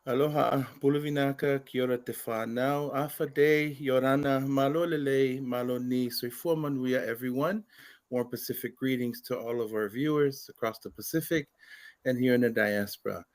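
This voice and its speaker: Panelist, male, from Samoa, ceremonious and formal, mid-pitched voice. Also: steady tone, moderate pace. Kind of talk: panel introduction.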